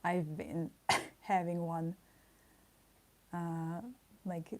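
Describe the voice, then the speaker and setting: A woman livestreams while drawing, chatting casually with her viewers in rambling, playful asides, laughing often and teasing her chat with mock indignation. Her voice is on the low side with little pitch movement, and she speaks extremely slowly.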